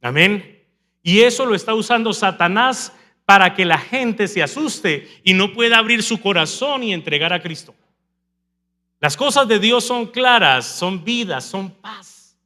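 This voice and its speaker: A male pastor preaching a sermon, calling on the congregation to repeat after him and acting out scenes with lively mimicry. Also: high voice, unhurried. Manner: preaches with call-and-response to the congregation; animated, mimics people speaking in tongues.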